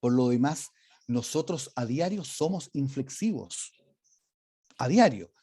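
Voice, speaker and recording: A man's voice: mid-range voice, lively intonation, slow, warm tone, breathy edge. A man teaching a leadership class online, talking emphatically and varying his intonation. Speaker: leadership course instructor. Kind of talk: online lecture.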